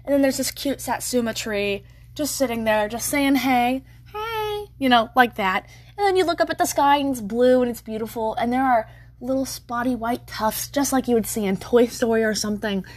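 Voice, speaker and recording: A woman's voice: on the high side, brisk. Rambling, giggly young woman vlogging. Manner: rambling, giggly, self-correcting. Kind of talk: casual chat to viewers. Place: at home by a window.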